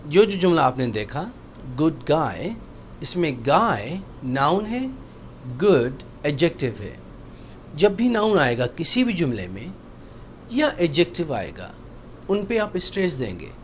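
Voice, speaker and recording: A man teaching spoken English, explaining slowly and repeating example sentences for practice. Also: on the high side, sing-song, a little hiss or hum.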